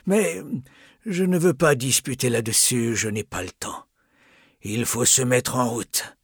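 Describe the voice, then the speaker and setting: An actor playing a calm, firm old street showman in an audiobook, measured and coaxing in a husky voice. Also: medium pitch, dry recording, studio quality. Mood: businesslike. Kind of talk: audiobook character voice.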